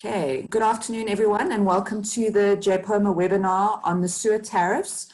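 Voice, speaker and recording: A woman's voice: mid-range voice, fairly even intonation, brisk, darkish tone, rough recording. A woman moderating a webinar, introducing the guests hesitantly with many fillers. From South Africa.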